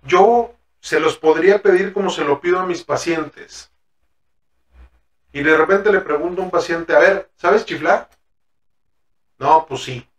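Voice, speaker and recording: In a fairly high voice at a measured pace with long pauses, a Mexican-accented man hosts a therapy podcast. His talk is casual and full of swearing, and he acts out his exchanges with patients. The recording has a roomy echo from a distant mic.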